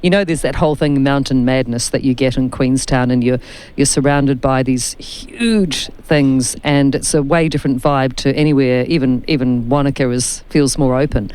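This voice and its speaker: A woman radio host chatting easily with her guests, leaning into personal stories. Her voice is smooth and resonant, with an even, clear delivery. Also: very deep voice, moderate pace. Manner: chatty, anecdotal storyteller. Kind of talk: casual radio chat.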